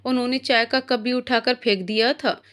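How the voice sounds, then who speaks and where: A woman narrating a moral story in a steady, clear reading. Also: on the high side, normal speed.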